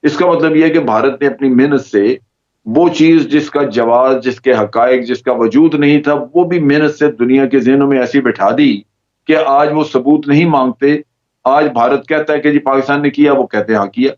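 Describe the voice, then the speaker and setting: A man with a Pakistani Urdu accent, a judge giving measured, explanatory answers as a guest on a TV current-affairs program. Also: medium pitch, a little mellow. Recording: slightly dull lo-fi audio.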